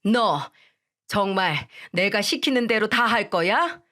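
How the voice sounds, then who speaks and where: A woman's voice: mid-range voice, lively intonation, slow pace, bright, forceful tone. Woman as a stern scolding mother-in-law. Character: stern middle-aged mother-in-law, severe and commanding.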